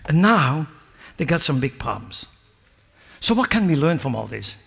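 A male pastor delivers a sermon with a high-pitched, swooping voice. He preaches emphatically and keeps turning to the congregation with rhetorical questions. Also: sing-song, moderate pace, gravelly, breathy edge. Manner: emphatic preaching, rising to near-shouts and dropping low.

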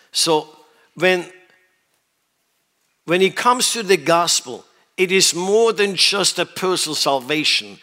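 His voice is on the high side, pushed and bright, as this Swiss man preaches. He stresses each point emphatically and keeps questioning the audience about whether they get it.

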